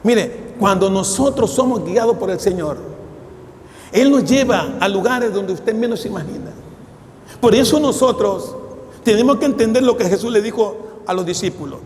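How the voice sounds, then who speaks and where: Male pastor, 60s, very high voice, fervent sermon in a church hall with long reverb. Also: moderate pace, darkish tone, slight background noise. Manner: fervent preaching, addresses listeners as brother; tells stories with quoted dialogue.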